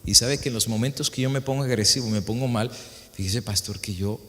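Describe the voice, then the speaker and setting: A remorseful middle-aged church elder, voiced by a male preacher confides his failings in a low, hushed, subdued voice. It is a quiet confession carried by the long reverb of a church hall. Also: a little fast, lightly acted. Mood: confessing.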